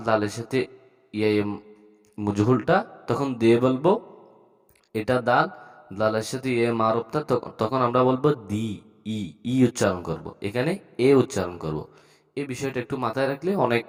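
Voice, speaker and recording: A man teaching a reading lesson, slowly reading out words and explaining how to pronounce them. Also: medium pitch. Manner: slow, drawn-out reading drills, louder when reading words aloud. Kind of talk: slow language lesson.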